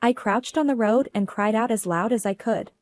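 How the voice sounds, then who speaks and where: A woman telling a first-person story as narrator, in a steady, earnest way. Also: a little high, moderate pace, no echo.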